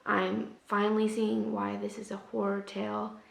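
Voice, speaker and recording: Sick, gravelly-voiced woman vlogging at home. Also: mid-range voice, completely flat delivery, moderate pace, roomy sound. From US West Coast. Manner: chatty, drifts into soft half-whispers. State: sick, losing her voice. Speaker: book vlogger. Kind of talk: casual vlog chat.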